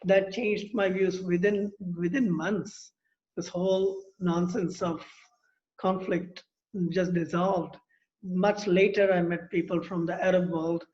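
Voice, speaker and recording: High-voiced man hosting a chat. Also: little pitch movement, slow pace, a little mellow, highs cut off. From rural India. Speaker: host. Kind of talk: casual conversation.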